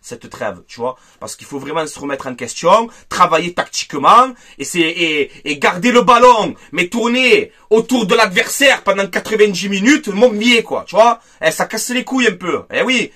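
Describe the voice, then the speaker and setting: A man hosting a casual football debrief, angry and animated, repeating himself and talking straight to his viewers. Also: high-pitched, normal speed, few pauses. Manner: angry, animated and repetitive, addressing viewers directly. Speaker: football fan video host.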